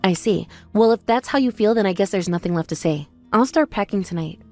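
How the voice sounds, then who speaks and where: An actress playing a hurt, loyal young sister in a family drama, speaking in an earnest, emphatic way. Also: female voice, medium pitch, fairly quick, dark tone, faint music behind, lightly acted. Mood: resigned. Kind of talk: dramatized family-conflict story dialogue.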